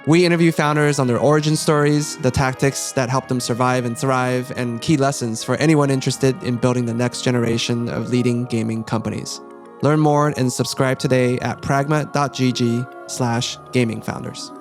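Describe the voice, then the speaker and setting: A man co-hosting a podcast, reading the scripted show introduction in a smooth, measured way. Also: mid-range voice, fairly even intonation, soft background music. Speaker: podcast co-host.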